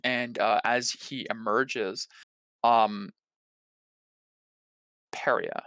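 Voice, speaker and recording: A man narrating as game master, relaxed and hesitant, with many fillers. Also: medium pitch, drawn-out words, no room sound.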